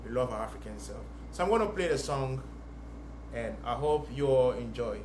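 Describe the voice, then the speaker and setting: A man's voice: medium pitch, animated, moderate pace, a little mellow, slight background noise. A young Ghanaian man hosting a podcast, talking in an earnest, encouraging, preacher-like way. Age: young adult. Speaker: podcast host. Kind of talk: motivational podcast monologue. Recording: roomy echo with faint music.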